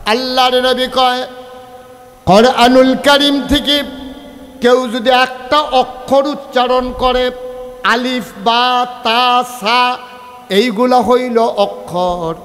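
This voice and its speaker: Male preacher, high voice, sing-song storytelling sermon, long hall reverb. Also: slow pace. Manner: sing-song, animated storytelling, calls crowd to answer. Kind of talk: Bengali village sermon (waz).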